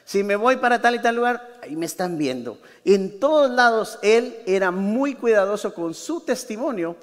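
A man's voice: high voice, big-room sound. A man preaching a sermon as pastor, in a chatty manner that keeps asking the congregation questions. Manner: conversational, asks the congregation questions. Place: church sanctuary.

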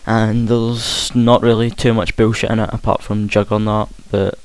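A young man with a broad Scottish accent gives casual, hesitant gameplay commentary, trying to speak clearly, on a hissy home recording. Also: fairly low pitch, little pitch movement, moderate pace, darkish tone, no echo. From Scotland. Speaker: gaming commentator. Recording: hissy home mic with faint noise. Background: game gunfire.

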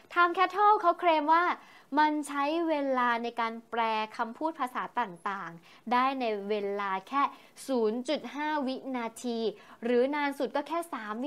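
A woman's voice: fairly high pitch, a bit bright. A woman presenting tech gadget news in a chatty, casual way, tossing in exclamations and polite particles. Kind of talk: casual tech product talk.

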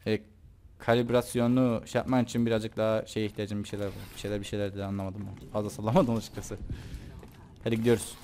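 A man's voice: on the low side, flat delivery, quick pace, darkish tone, slight background noise. A man giving casual, joking let's-play commentary, chatting and teasing the game characters as he plays. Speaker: gameplay commentator.

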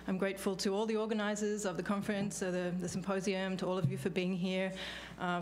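A woman's voice: fairly low pitch, slight background noise. A woman in her forties with an Australian accent, speaking as a panelist at a podium microphone in a lecture hall, thoughtful with frequent fillers and restarts. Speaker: panelist, law professor. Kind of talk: conference talk. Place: law school lecture hall. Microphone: podium microphone on stand.

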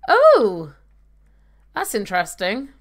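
The streamer's mid-range voice swoops wildly in pitch at a slow pace. She's a young woman playing a game from home, casually chatting and reading out viewer comments through a desk microphone.

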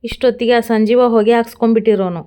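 A woman's voice: on the high side, fairly even intonation, rapid-fire, dark tone, close to an everyday voice. A woman reading the lines of a scornful young man from a TV serial in a plain recap voice. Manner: read out plainly in a retelling.

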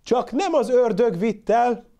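A man voicing an excitable old shepherd who calls and exclaims loudly in a raised voice. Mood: amazed. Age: older. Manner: loud, high-pitched calling and exclaiming.

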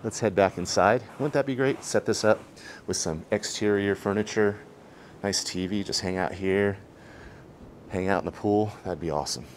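Walking through a home inside and out, a realtor narrates in an easygoing, chatty way, using plenty of fillers. His voice is deep and low, his pace moderate, and faint hiss can be heard behind him.

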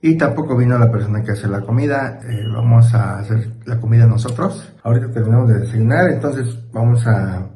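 Mellow guy co-hosting a family vlog, roomy echo, bit of hiss. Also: medium pitch, brisk, hardly any pauses. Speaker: co-host. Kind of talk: casual vlog greeting. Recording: echoey room with faint noise.

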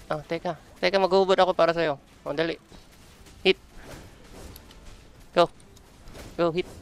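A Filipino man streams a game and trash-talks the other players in a teasing way. His voice sits a little high and comes across smooth and clear. He talks slowly, and faint music plays underneath. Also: fairly even intonation. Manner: playful trash talk, mixing Tagalog and English. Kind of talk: live gameplay commentary.

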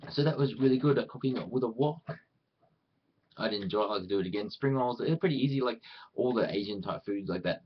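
On a muffled recording, a lowish, husky male voice with an Australian accent addresses viewers in a loose vlog chat. He drifts from point to point, runs himself down, and keeps voicing imagined quotes.

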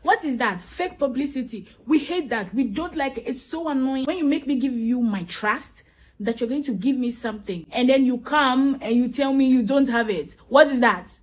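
A young woman vlogs in a high, husky voice at normal speed, ranting with emphatic exasperation and repeating her points for effect. The recording quality is low.

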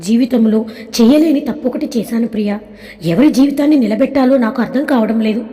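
A woman voicing a troubled young husband who speaks gently and coaxingly. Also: a little high, a little fast, lightly acted. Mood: gentle. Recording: long reverb.

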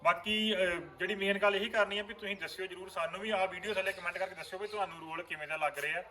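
A man's voice: sits high, fairly even intonation, quick pace, sharp tone. A man, an actor in a vlog series, earnestly explaining roles to viewers. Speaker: vlogger and actor. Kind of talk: casual chat.

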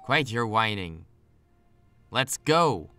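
A man plays a rough pirate grunt for a game, pitched down and blunt, eager for trouble. The bright, lively voice pushes every line forward. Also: takes it slowly, faint music behind, full character voice. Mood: rowdy. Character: rowdy, brutish male pirate grunt.

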